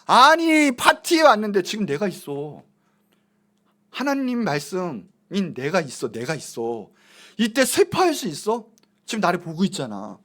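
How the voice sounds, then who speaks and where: A man's voice: high-pitched, huge pitch swings, measured pace, fairly bright tone, pitched above the performer's own voice, full character voice. A male pastor speaking as Jesus, plainly explaining to questioners why they should rejoice now. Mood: cheerful. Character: Jesus gently correcting questioners.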